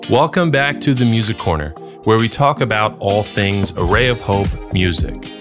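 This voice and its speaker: A man introducing a music segment in a measured, earnest scripted read. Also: fairly low pitch, animated. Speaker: music production director.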